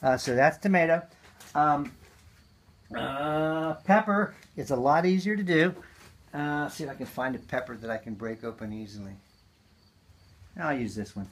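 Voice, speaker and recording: A man with a slightly high-pitched voice gives a relaxed, hands-on gardening lesson. His delivery is chatty and folksy, loose and unscripted, and filled with ums and uhs. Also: normal speed, long pauses. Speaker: gardening teacher. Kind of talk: casual hands-on demonstration.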